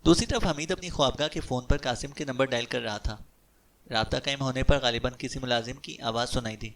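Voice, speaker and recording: A man's voice: mid-range voice, fairly bright tone, recorded from a distance. A man narrating an audiobook of a detective novel, giving the characters' lines with light changes of voice.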